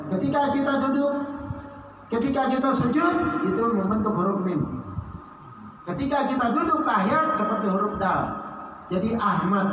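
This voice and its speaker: A man telling a sermon story, swinging between loud high exclamations and low hushed lines. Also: slight background noise. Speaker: preacher. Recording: echoey hall, heard from a distance.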